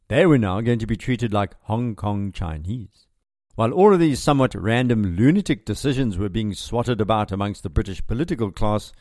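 A man's voice: lowish voice, darkish tone, no echo, studio quality. A man narrating scripted history as a storyteller, with a wry, sardonic manner. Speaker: history podcast host and narrator.

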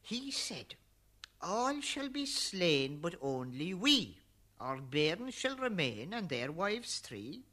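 A man's voice: a little high, big pitch swings, unhurried, heavily acted. An actor playing Noah, a weary old man and bossy husband, declaiming old verse. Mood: urgent. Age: older. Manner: declaiming verse, grumbling then shouting. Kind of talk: old-style verse play.

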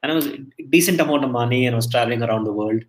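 Rapid-fire and mid-range, this middle-aged Indian emcee and entertainer chats through a casual interview. His storytelling is full of restarts.

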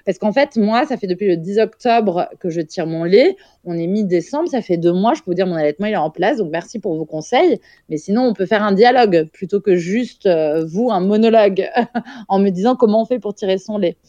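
Frank woman with a dark, mellow voice. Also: mid-range voice, a little fast, no echo, muffled recording. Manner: frank, swears casually, animated retelling. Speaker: guest, mother of a premature baby. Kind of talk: casual storytelling in a podcast chat.

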